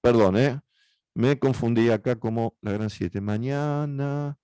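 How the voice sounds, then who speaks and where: Hesitant Argentine man teaching software. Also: medium pitch, steady tone, measured pace, no echo, clean studio sound. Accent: Argentine Spanish. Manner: hesitant, many fillers and self-corrections. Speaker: workshop instructor. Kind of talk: software tutorial walkthrough.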